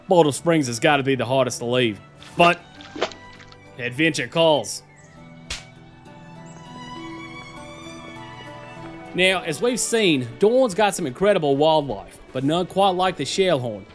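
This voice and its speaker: Guy doing aussie nature doc host, adventurous and matey, higher voice, bit of music under. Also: natural voice. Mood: relieved, delighted. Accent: Australian. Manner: chummy, colloquial, enthusiastic. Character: cheerful, adventurous Australian male wildlife presenter. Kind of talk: nature documentary presenting, parody.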